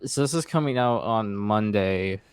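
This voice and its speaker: A man's voice: on the low side, normal speed, clean tone, no echo. Young guy cohosting a podcast, offhand wisecracks, dry close mic. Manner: offhand, wisecracking, reads out place names. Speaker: podcast co-host. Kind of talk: casual chat.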